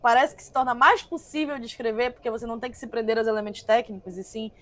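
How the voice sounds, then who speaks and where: Young woman para, guest on a panel, talks it through slowly and thoughtfully, restarts a lot, voice a bit high. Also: fairly even intonation, a bit bright. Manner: reflective, thinking aloud with frequent restarts. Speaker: guest, text reviser. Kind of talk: panel discussion talk.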